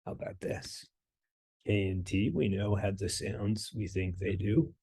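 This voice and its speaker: A man narrating a scripted language lesson with dry, deadpan humor. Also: on the low side, measured pace, slightly rough. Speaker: language teacher.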